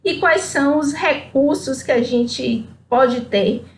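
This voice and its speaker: A woman with a high, bright voice reads a children's story to an audience. Her telling is expressive and sing-song, with a faint hiss of noise underneath. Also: slow pace. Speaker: speaker at a spiritual center. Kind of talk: reading a children's story aloud, then a reflective talk.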